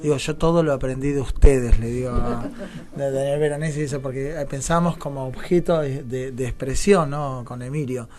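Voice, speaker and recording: A man with a Rioplatense Argentine accent, a guest theatre director, gives reflective, digressive answers in a radio interview, often checking in with tag questions. His voice is medium-pitched and darkish, with fairly even intonation at normal speed.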